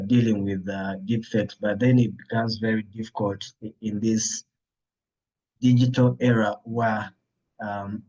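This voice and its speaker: A man with an East African accent speaking haltingly and hesitantly in an unscripted panel discussion on a video call. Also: on the low side, darkish tone. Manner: halting, hesitant delivery with frequent long pauses. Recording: dull lo-fi online call audio.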